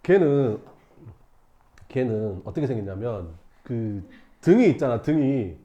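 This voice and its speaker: A male teacher telling a class a story, acting out shouts and screams and laughing as he goes. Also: medium pitch, very animated, unhurried, muffled recording. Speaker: math teacher.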